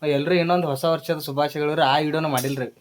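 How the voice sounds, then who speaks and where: A woman's voice: low voice, steady tone, racing, slight background noise. A woman with a North Karnataka Kannada accent chatting to viewers in a casual home vlog, repeating her phrases. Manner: chatty, repeats phrases, ends sentences with a polite address word. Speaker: family vlogger.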